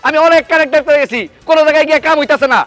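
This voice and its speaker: An actor playing a frantic young husband who talks loudly with big gestures, in a comic drama. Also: male voice, very high-pitched, steady tone, rapid-fire, faint music behind. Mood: worried. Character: young husband of a deaf wife, loud and frantic.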